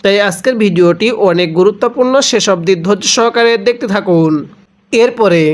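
A man with a Bangladeshi Bengali accent teaching Quran recitation, drawing each word out slowly and then explaining quickly. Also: high-pitched. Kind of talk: spelling-out Quran recitation lesson.

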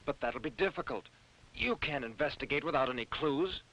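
An actor playing the doctor's curious, questioning friend in a 1950s dubbed film. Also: male voice, medium pitch, lively intonation, fairly quick, a bit bright, low-quality recording. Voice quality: questioning, eager.

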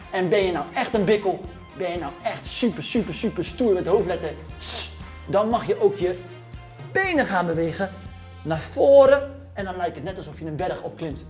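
This children's fitness coach, a man in his thirties, has a high, somewhat mellow voice. In a gym, he gives energetic workout instruction for a home session, cheering the kids and counting down reps. He joins in the exercise and is a little short of breath.

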